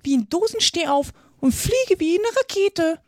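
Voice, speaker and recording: A woman voicing a small, weak male lizard with a squeaky voice, babbling in a flustered way in a storybook reading. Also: animated, moderate pace, no room sound, clean studio sound. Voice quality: squeaky, shaky high voice.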